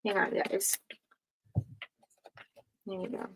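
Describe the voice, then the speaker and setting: A woman's voice: takes it slowly, background noise. A tired woman hosting a casual tarot livestream, chatting with viewers and reading cards aloud, her speech a little slurred from a sore jaw. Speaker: tarot reader, livestream host.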